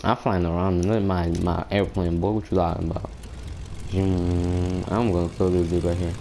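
A young man recording gameplay for his video channel, chatting casually with a friend, excitable and full of slangy trash talk and swearing. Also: low-pitched, moderate pace, slight background noise. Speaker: gameplay YouTuber.

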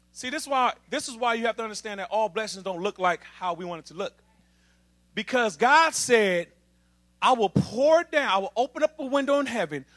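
A young man preaches in a church with a very high, bright voice. His delivery is animated and lively, full of playful call-and-response with the congregation. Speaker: assistant minister. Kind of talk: lively sermon. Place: church sanctuary.

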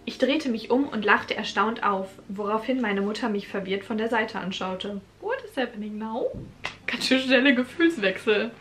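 A woman's voice: fairly high pitch, normal speed, fairly bright tone, a little hiss or hum. A young woman reading her own teenage crime story aloud and breaking off for sarcastic comments on the writing. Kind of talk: reading aloud with joking asides.

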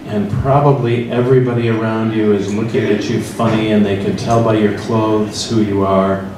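A middle-aged man with an American Midwest accent leads a church forum, guiding listeners through a story in a slow, reflective second-person way, holding a handheld mic in a large hall. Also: on the low side, flat delivery. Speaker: priest leading a church forum. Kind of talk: guided meditation and interactive forum talk. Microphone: handheld mic, filmed from far across the room. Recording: echoey hall, distant mic, room noise.

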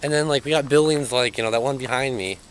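A man's voice: mid-range voice, fast, rough recording. Young man, handheld camera, outdoors in an overgrown yard, hesitant, mutters and trails off, faint outdoor noise. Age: young adult. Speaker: urban explorer vlogger. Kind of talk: handheld exploring vlog.

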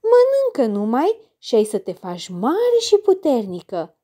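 Cast a woman playing a pushy mother at the dinner table: urging, coaxing, with a lively voice. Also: on the high side. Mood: insistent. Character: insistent mother coaxing her child. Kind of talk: storybook character voice.

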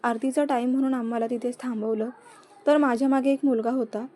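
A woman voicing Pooja, a teasing, quick-tempered young woman, in a storybook reading. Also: fairly high pitch, fairly even intonation, dark tone, slight background noise, close to an everyday voice. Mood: chatty. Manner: chatty, teasing.

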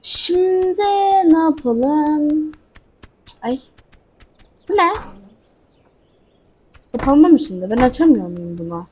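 A woman's voice: high voice, very animated, a little slow, long pauses, darkish tone, breathy edge. A woman hosting a gaming channel, chatting casually to her viewers as she plays and talking back to a character in the game. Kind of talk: casual let's-play commentary.

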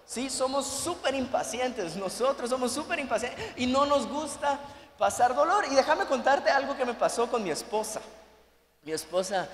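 A man preaching at a youth conference, telling a personal story with animated, loud bursts of emphasis. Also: extremely high pitch, slight background noise. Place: large church hall. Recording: echoey hall from afar.

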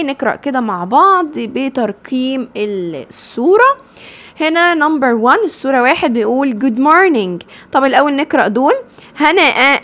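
A woman teacher with an Egyptian Arabic accent explains English phrases to second-grade pupils, saying each phrase slowly and then explaining it in Arabic. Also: on the high side. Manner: slow, drawn-out English model phrases.

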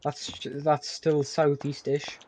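Higher-voiced man giving game tips. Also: completely flat delivery, slow pace, darkish tone, a little hiss or hum. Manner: chatty, restarts, gives advice. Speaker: player. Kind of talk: casual game chat.

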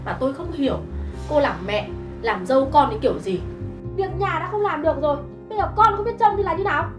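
A woman playing a sharp-tongued mother-in-law. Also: high voice, expressive, fast. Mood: scornful scolding. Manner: sharp, scolding, contemptuous. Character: harsh scornful mother-in-law, middle-aged. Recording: roomy, with music underneath.

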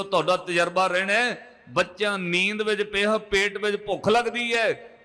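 A man preaching a storytelling sermon to a congregation, chanting scripture lines slowly between the narration. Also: high-pitched, bright, forceful tone. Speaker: Sikh preacher. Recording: long hall reverb.

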